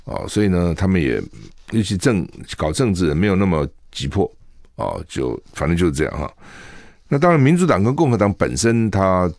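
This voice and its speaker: A man's voice: low voice, very animated, fairly quick, a little mellow, dry recording. A male radio talk show host, giving chatty, emphatic solo commentary from a studio mic, full of rhetorical questions. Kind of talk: solo commentary on current affairs.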